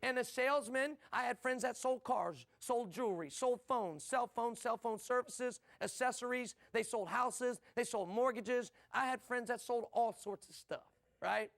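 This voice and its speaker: Man, motivational seminar speaker, high voice, gravelly texture, rhetorical questions, punchy repetition. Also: a little slow, hardly any pauses, fairly bright tone. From USA. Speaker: business speaker.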